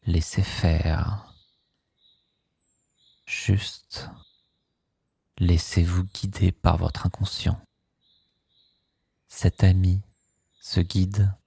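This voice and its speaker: A man with a very deep, mellow voice leads a guided sleep hypnosis. He speaks extremely slowly in a soothing, hushed way, with a breathy, husky edge, recorded close and dry. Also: little pitch movement, no room sound. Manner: slow, soothing, hushed delivery.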